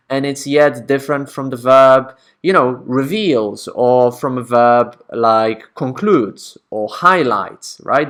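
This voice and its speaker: A man's voice: fairly high pitch, fairly bright tone. Man casually explaining academic writing. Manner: conversational, checks in with frequent "right?".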